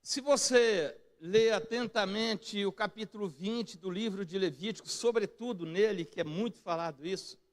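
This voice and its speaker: A man with a Brazilian Portuguese accent preaching a sermon as pastor in a church, moving between quiet reflective passages and loud emphatic peaks. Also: sits high, moderate pace, few pauses. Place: church sanctuary.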